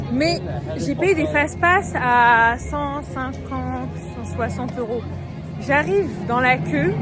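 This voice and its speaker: Young woman, high-pitched, exasperated and rushed, phone vlog outdoors, music underneath. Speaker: vlogger. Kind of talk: casual travel vlog to camera. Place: crowded theme park outdoors.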